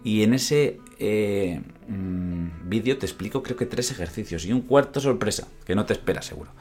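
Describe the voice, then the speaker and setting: Low-voiced man teaching guitar. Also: normal speed, darkish tone. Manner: explains step by step, often asks "¿vale?". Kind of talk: podcast guitar lesson. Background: guitar playing between phrases.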